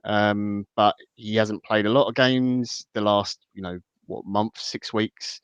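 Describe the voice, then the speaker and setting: A man with a smooth, fairly low voice talks through a football match as a guest. He is measured and a little hesitant, and the audio is dry and slightly dull. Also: fairly even intonation, dry recording. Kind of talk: casual match analysis.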